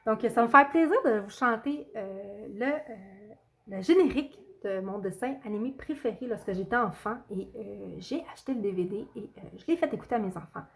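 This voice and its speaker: A woman's voice: mid-range voice, lively intonation, creaky, a bit bright. A woman, chatting casually and hesitantly with her viewers, often apologetic and poking fun at herself. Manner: hesitant, pauses often with fillers; self-deprecating and apologetic. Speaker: coloring channel host. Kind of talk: casual chat answering a video tag.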